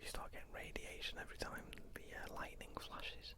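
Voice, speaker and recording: A person whispering closely from ear to ear in ASMR style, chatting in a rambling way about a personal collection. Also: brisk. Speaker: ASMR video host showing a game collection.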